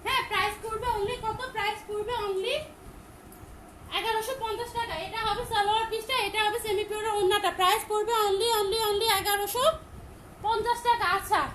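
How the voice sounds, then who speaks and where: Loud, fast woman selling dresses live. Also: steady tone, slight background noise, low-quality recording. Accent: Bangladeshi Bengali. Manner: loud, repetitive sales pitch. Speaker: online shop seller. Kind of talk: live-stream product selling.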